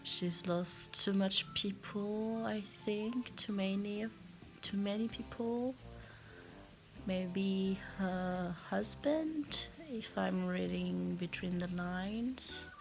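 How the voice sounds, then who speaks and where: A young woman speaks very slowly, in a relaxed, casual reading-vlog way. Her voice has a gravelly, creaky edge, and she often pauses to think aloud. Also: medium pitch, soft background music. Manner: slow, unhurried, thinking aloud. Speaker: book vlogger. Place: in her bed at home.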